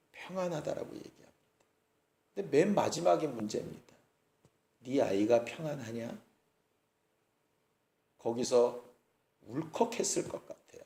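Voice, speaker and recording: Animated man preaching in an echoey church. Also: fairly high pitch, gravelly. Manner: storytelling preacher acting out quotes, rhetorical questions. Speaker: pastor. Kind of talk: sermon. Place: church sanctuary.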